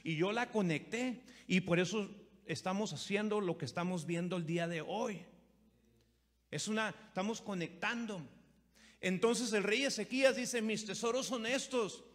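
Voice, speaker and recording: Pastor preaching in a reverberant hall. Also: male voice, sits high, moderate pace. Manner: storytelling, rising to emphatic preaching with repeated words. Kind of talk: sermon. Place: church hall.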